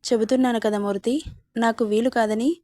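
A woman reading a storybook, voicing a patient, quietly stubborn young man who speaks soothingly and teases gently. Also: a little high, fairly even intonation, brisk, no room sound, studio quality, close to an everyday voice. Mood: calm.

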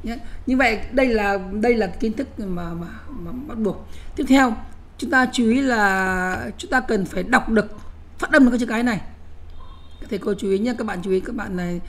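A woman's voice: fairly high pitch, normal speed. A middle-aged woman giving a spoken lecture to teachers, emphatic and repetitive, often checking that listeners follow. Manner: emphatic, repeats words, frequent "nhé" asides.

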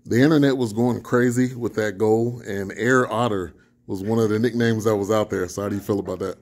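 Low-voiced male reporter. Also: steady tone, a little fast, darkish tone. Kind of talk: press conference question.

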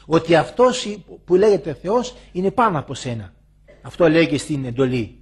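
An older man, a monastic elder, giving a spoken sermon full of rhetorical questions and emphatic repetition, with a husky voice. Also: a little high, big pitch swings.

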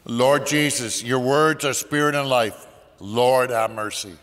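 A man leads the prayers of Mass at a pulpit microphone in a large church, reciting each line in a measured, solemn way. His voice sits in an ordinary middle pitch for a man. Every phrase rings out into the long echo of the church. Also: fairly bright tone. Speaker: priest. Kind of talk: leading liturgical prayers at Mass.

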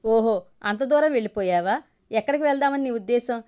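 A woman's voice: fairly high pitch, fairly quick, darkish tone, smooth, lightly acted. A woman voicing an angry older brother who scolds his sister harshly. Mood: scolding.

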